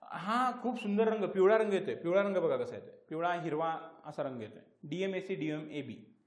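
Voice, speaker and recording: A man's voice: on the high side, lively intonation, moderate pace, reverberant. A man with a Marathi accent giving an exam-prep lecture. He asks questions and answers them himself, repeating key terms. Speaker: teacher.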